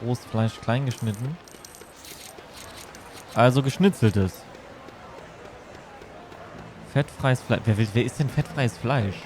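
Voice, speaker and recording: A man's voice: mid-range voice, measured pace. Rambling male game streamer over background noise. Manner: rambling, thinking out loud. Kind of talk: casual livestream gameplay commentary in German.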